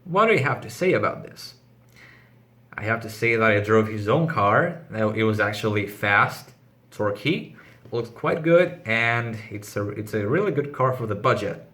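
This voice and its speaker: With background music behind him, a car channel host from Greece reads questions and answers them plainly and briefly. His voice sits on the low side, fairly bright, with lively intonation, a normal speed and a Greek accent.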